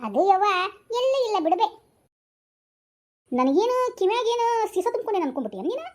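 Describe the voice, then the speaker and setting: Woman doing a sassy north karnataka teen sister, very high voice, teasing and quick-tongued. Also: very animated, a little mellow. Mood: cheeky. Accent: North Karnataka Kannada. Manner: sassy, teasing, talks back. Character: cheeky teenage younger sister, quick-tongued. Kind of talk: homemade village drama.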